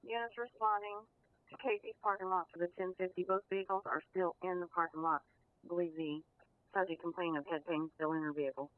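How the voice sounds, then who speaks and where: A woman's voice: lowish voice, fairly even intonation, fast, dry recording. A woman working as an emergency dispatcher, giving clipped, repeated ambulance and fire calls over a two-way radio. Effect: two-way radio transmission. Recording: tinny narrowband scanner radio audio.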